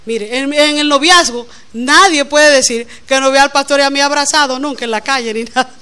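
A middle-aged woman preaches a conversational sermon in a high voice. Her tone is bright and clear. She is animated and often laughs as she tells her stories. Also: brisk. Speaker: preacher, pastor's wife.

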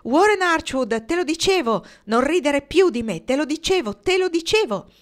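A woman reading aloud, voicing an excitable young woman who shrieks with joy in a high, loud voice. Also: measured pace. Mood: overjoyed, shrieking.

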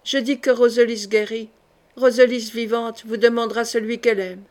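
A woman's voice: a little high, little pitch movement, moderate pace, lightly acted. Woman reading a stern male sorcerer. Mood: grave. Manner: authoritative, grave.

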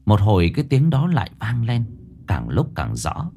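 A man's voice: on the low side, huge pitch swings, normal speed, vocal fry, mellow, a little hiss or hum. A man narrating a scripted ghost story in a dramatic, suspenseful way. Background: faint background music.

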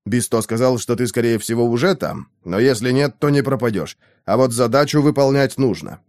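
A man voicing an anxious male airship captain who reports quickly and urgently in an audiobook. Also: medium pitch, lively intonation, a little mellow, no echo, studio quality, natural voice. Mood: telling.

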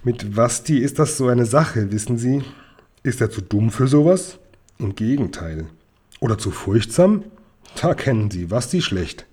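A man's voice: medium pitch, animated, a little slow, mellow, slightly rough. A man voicing a brusque elderly fortune-teller woman who scolds and lectures, reading a storybook aloud. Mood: lecturing.

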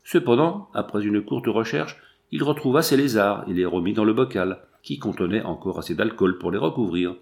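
A man reading an adventure novel aloud in a steady storytelling delivery. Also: lowish voice, normal speed, creaky. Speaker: audiobook narrator. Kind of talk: scripted narration.

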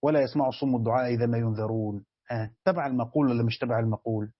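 Fast, husky Egyptian sheikh teaching. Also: male voice, mid-range voice, dry recording, lo-fi sound. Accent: Egyptian Arabic. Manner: explanatory, asks students questions. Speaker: sheikh teaching Quran commentary. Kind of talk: religious lesson.

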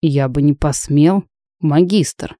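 A woman voicing a calm, self-assured bearded man who speaks in a measured way. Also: sits low, no echo, studio quality, lightly acted.

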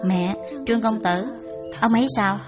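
A young woman voicing a devoted, gentle widowed daughter-in-law who speaks softly and humbly. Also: medium pitch, fairly even intonation, normal speed, music in the background, natural voice. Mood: pleading. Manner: soft, pleading, humble.

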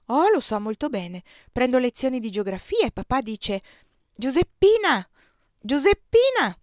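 A woman's voice: fairly high pitch, big pitch swings, normal speed, no room sound, studio quality, voice pushed up. A woman reading aloud, voicing a cheeky, chatty little princess girl in a storybook reading. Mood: lively. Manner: bright chatty child voice.

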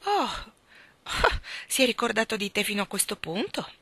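A woman's voice: medium pitch, moderate pace, pushed and bright, no room sound. A woman reading the lines of a cheerful, talkative young housemaid in a storybook, homely and helpful in manner. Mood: lively.

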